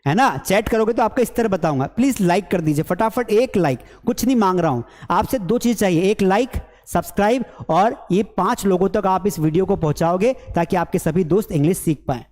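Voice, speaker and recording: A man teaching a spoken English lesson for Hindi speakers, asking quick questions and answering them himself while urging viewers on. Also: high-pitched, darkish tone, in a large hall. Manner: urges viewers on.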